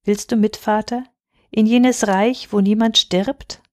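Soft otherworldly storybook mother, read by a woman. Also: mid-range voice, fairly even intonation, takes it slowly, no room sound, close to an everyday voice. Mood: beckoning. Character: dying young mother, longing for heaven. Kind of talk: storybook reading.

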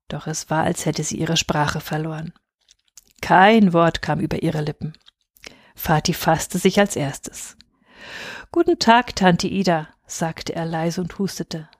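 A woman reading a children's Christmas story aloud in a lively, expressive storytelling manner. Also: fairly low pitch, dry recording, studio quality. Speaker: reader.

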